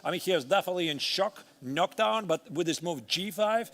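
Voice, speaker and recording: A man's voice: sits high, animated, fairly quick, a bit bright. A man giving live chess commentary, thinking aloud through moves in a conversational way.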